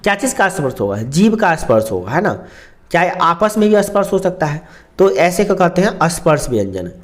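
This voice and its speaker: A young man with a high voice teaches a lesson. He goes slowly and repeats himself, stretching out each sound. He keeps asking a question and then answering it himself. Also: big pitch swings. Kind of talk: explaining a lesson.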